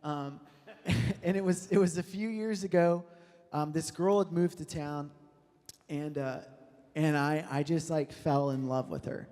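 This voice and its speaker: A man's voice: a little high, a little mellow. A young man in his twenties gives a casual, joking storytelling sermon full of fillers. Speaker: speaker at a youth prayer service. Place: church hall. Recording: long reverb of a hall.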